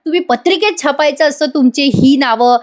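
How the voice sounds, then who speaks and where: A woman's voice: sits high, brisk, close to an everyday voice. A woman voicing a young man who grumbles and complains to his mother. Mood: grumbling.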